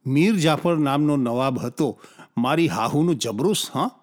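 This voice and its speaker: Male narrator as a cheery, slow village lad, broad dialect, raised voice. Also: on the high side, expressive, lightly acted. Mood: musing. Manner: broad rural dialect, earthy exclamations. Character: rustic village boy, slow-witted, cheerful.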